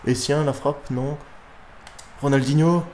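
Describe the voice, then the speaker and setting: A young man giving excitable live commentary on his own football video game match, swearing at his players and breaking into shouts. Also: on the low side, normal speed, a little hiss or hum. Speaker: gaming YouTuber. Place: room at home at night.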